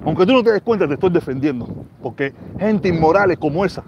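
Cuban man, high voice, heated livestream rant, slang-heavy, dull audio with faint hum. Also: animated, fast. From Cuba. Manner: angry, repetitive, street slang. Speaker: channel host.

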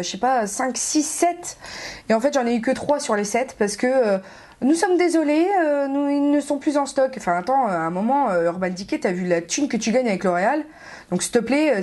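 A woman beauty vlogger chats through a makeup haul in a slightly high voice. She is expressive and loose-tongued and drops the odd swear word. When she gets riled up, she stumbles and repeats her words. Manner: chatty and expressive, swears casually. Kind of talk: casual makeup haul video.

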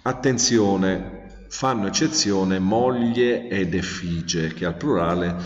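A man's voice: sits low, unhurried, faint music behind. A man teaching a grammar lesson in a methodical way, with frequent hesitations while he lists examples. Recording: echoey, distant, dull lo-fi sound.

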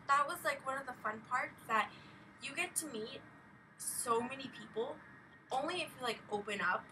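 Recorded indoors in her small bedroom, a young woman tells the story of something that happened to her in a loose personal vlog, hesitating often and leaning on "like." Her voice runs on the high side. The audio comes from a webcam or laptop held at arm's length, sounding far off with a little noise.

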